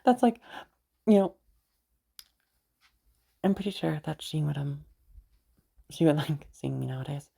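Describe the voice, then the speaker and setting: In an intimate audio roleplay, a woman plays a young noblewoman mage, her low, mellow voice run through with gravelly fry. She speaks in halting, stammering, giggly bursts with mild swearing, flustered but fondly protective of her knight. The delivery is exaggerated and lively in intonation, the mood fond and chatty.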